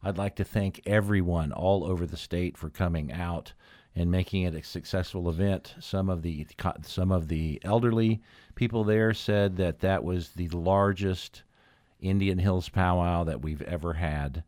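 A man hosts a community news update, delivering semi-formal announcements in a deliberate, matter-of-fact way with frequent pauses. His voice is low-pitched and steady with a darkish tone. The audio is studio quality with no room sound.

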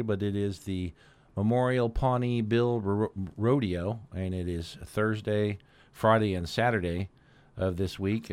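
A man hosting a community news update, giving semi-formal announcements in a deliberate, matter-of-fact way with frequent pauses. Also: lowish voice, a little mellow, clear, resonant tone, dry recording.

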